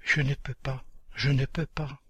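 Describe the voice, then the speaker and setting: A man's voice: medium pitch, flat delivery, measured pace, fairly bright tone, breathy edge, no room sound. A man voicing a young enslaved mother in a dramatized story, sobbing and begging for her children. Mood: pleading.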